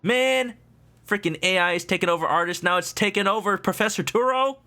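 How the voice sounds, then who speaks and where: A man's voice: sits high, brisk, sharp tone. A man casually commentating a video game livestream in a playful, exclamatory way.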